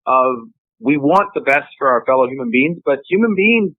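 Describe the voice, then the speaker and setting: A man's voice: mid-range voice, animated, moderate pace, no echo. A man co-hosting over a phone line, chatting casually and laughing often. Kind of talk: casual chat.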